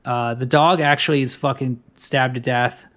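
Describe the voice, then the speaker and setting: A man from the United States co-hosting a casual film podcast, talking through a movie and slipping into deadpan jokes. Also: mid-range voice, moderate pace. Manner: joking, deadpan bits. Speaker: podcast co-host.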